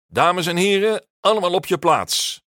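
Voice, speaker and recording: A man voicing a patient but firm male schoolteacher in a storybook reading, a teacher who calls out loudly to his class. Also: fairly low pitch, sing-song, normal speed, no echo, clean studio sound. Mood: calling out.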